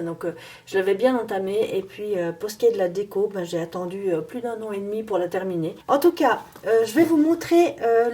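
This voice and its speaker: A French-speaking woman hosting a casual crafting tutorial. She talks with many fillers and restarts, and sometimes drops to soft, near-whispered asides. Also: mid-range voice.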